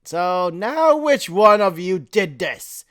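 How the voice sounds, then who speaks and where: A man shouting as an outraged hot-tempered guy. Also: big pitch swings, takes it slowly, exaggerated voice. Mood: demanding. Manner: shouting, high-strung. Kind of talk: fanfiction reading.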